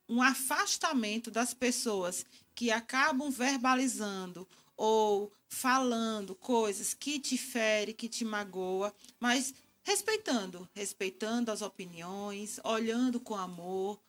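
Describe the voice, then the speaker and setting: A middle-aged woman answering interview questions in a calm, reflective, explanatory way. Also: medium pitch. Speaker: guest communication expert.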